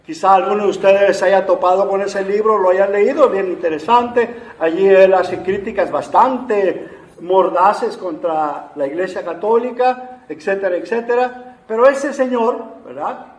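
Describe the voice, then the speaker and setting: Male lecturer, fairly high voice, patient explanatory delivery, echoey room. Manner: unhurried, explanatory, with frequent "eh" fillers. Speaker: Bible translation lecturer. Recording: roomy echo.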